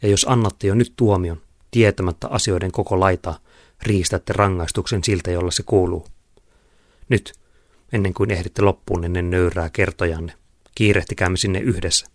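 A man with a very low voice narrates a story in a solemn, theatrical way, turning often to address his listeners. The sound is dry and close. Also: steady tone, no echo.

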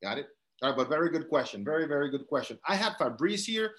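A man's voice: a little high, very animated, fast, a bit bright. A man from South Dakota leading a real estate team meeting over a video call, encouraging and checking in with "all right?" often. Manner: encouraging, repeats phrases, frequent "all right?" check-ins.

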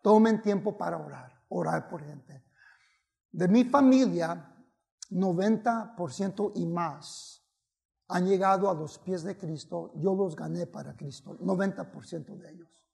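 Man preacher, gravelly voice, high pitch, unhurried, bilingual sermon. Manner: switches between Spanish and English, exclaims and shouts at peaks.

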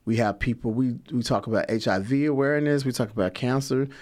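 A middle-aged man, a guest in an interview, answering in a relaxed, rambling way with many fillers. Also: medium pitch, fast talker. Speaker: guest, community organizer.

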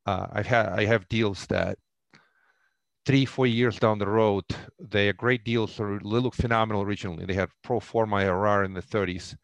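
A man from the former Soviet Union with a Russian accent, a podcast guest talking about investing in a halting way, full of restarts. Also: lowish voice, fairly even intonation, vocal fry, dry recording. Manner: halting, many restarts and fillers. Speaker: real estate investor guest. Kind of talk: podcast interview.

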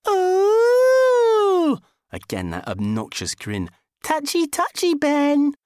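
A cheeky, hot-headed young Englishman with a stubborn streak, as a male reader puts him on. His voice sits well above the reader's own and swoops up high when he argues. The sound is close and dry. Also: wildly swooping pitch, measured pace, fairly bright tone, dry recording, exaggerated voice. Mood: teasing. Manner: wheedling, indignant, sulky.

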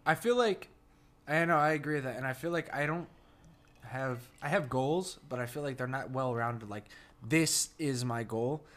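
A man's voice: mid-range voice, moderate pace, a bit bright. A man in his twenties with a New Jersey accent, chatting candidly at a table at home and swearing freely. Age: 20s. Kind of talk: casual chat. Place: table in a shared house.

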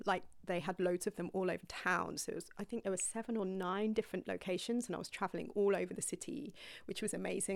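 A young woman who teaches yoga shares her own story with viewers, rambling candidly and casually, now and then slipping into breathy whispered asides. Her pitch is medium, and there's no room sound.

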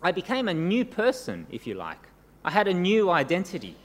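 In a church service, a middle-aged pastor originally from Korea gives an earnest sermon, tending to finish points with tag questions. He speaks at normal speed in a high, fairly bright voice whose pitch swoops wildly, and the audio carries long reverb and slight noise.

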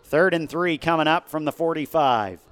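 Clear-voiced man calling football play-by-play. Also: fairly high pitch, a bit bright, some chatter behind. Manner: brisk, calls each play as it happens. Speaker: play-by-play announcer. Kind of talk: live football play-by-play commentary.

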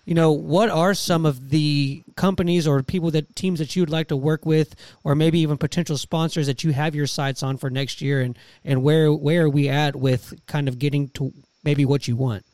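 A man interviews someone in a conversational style. His voice sits a bit high and sounds very clean and smooth. There is no room echo around it. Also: steady tone, moderate pace, darkish tone. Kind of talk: casual interview questioning.

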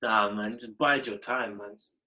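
A man's voice: fairly low pitch, steady tone, moderate pace, noisy background. A young man with a London accent in casual banter, questioning and slangy.

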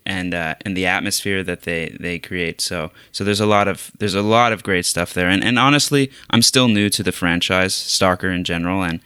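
Low bright-voiced man, casual gamer chat. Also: normal speed, hardly any pauses, smooth, no room sound, clean studio sound. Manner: hesitant, lots of restarts and fillers. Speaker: podcast co-host.

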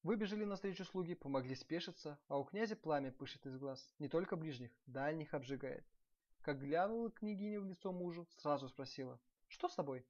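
A man's voice: on the high side, brisk. Male storyteller reading a bedtime tale. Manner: lively, expressive storytelling. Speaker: podcast host and storyteller. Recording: dull lo-fi recording.

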